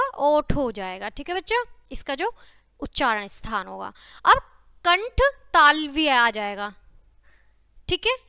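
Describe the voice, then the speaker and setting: A woman teaches a grammar lesson, saying each word twice and often pausing to check in with her students. Her voice sits high with a bright, clear edge. The sound is close and dry, with no room echo. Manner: repeats each word twice, says "ठीक है बच्चा" often.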